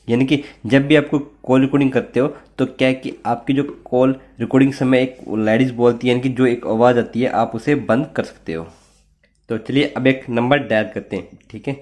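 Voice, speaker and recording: A man with an Indian accent hosts an informal tech tutorial channel, walking through each step in a repetitive, instructional way and frequently adding check-in tags. His voice is mid-range with a darkish tone.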